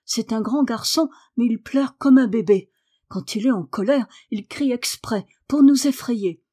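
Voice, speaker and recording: A woman's voice: a little high, unhurried, warm tone, slightly rough. A woman reading an anxious young housemaid. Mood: alarmed. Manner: worried, pleading.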